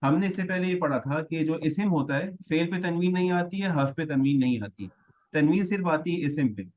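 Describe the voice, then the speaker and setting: A man teaching a classroom grammar lesson in a slightly higher-than-usual voice. He explains patiently and stretches out example words. He keeps checking that his students are following. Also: a little mellow, rough recording. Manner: patient, checks understanding often.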